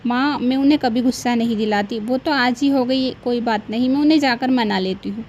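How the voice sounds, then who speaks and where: A woman's voice: on the high side, a little fast, a little mellow, dull audio, a little hiss or hum, natural voice. A woman voicing a young, put-upon daughter-in-law in a cartoon, speaking in a pleading, complaining manner.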